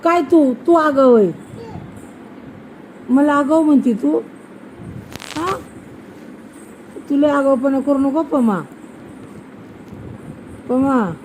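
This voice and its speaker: A young mother, coaxing her toddler in a slow, sing-song voice and repeating her questions. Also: sits high, a little mellow, a little hiss or hum, poor audio. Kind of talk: casual coaxing chat with a small child.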